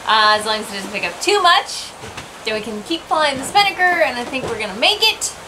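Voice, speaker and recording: A woman in her thirties chatting in a relaxed way while sailing a boat. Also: high-pitched, brisk, background noise. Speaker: sailing vlogger. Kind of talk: casual chat. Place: outdoors on a sailboat at sea.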